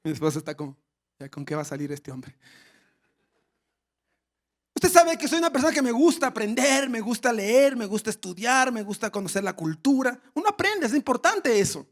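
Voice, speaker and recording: A male pastor preaching a sermon, telling a funny story with lively acted shouts. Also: extremely high pitch, normal speed. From Ecuador. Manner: storytelling with humor and animated shouts.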